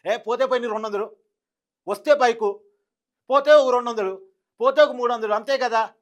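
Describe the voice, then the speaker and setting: A man's voice: very high-pitched, moderate pace. A man delivering a fiery opinion monologue as a news commentator, hammering points with repeated phrases and rhetorical questions.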